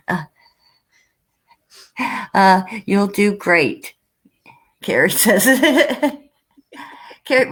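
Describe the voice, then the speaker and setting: A woman's voice: lowish voice, fairly bright tone. An American woman hosting a casual interview over a video call, bubbly and rambling, laughing often as she talks. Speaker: host.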